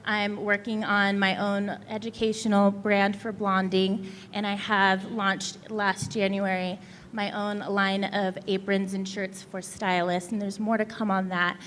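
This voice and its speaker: A woman's voice: medium pitch, level tone, unhurried, a bit bright. Effusive woman guest on a panel. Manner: effusive, grateful, a little emotional. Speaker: salon owner, panel guest. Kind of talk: panel introduction. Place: live event venue. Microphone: handheld microphone. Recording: reverberant hall with faint crowd noise.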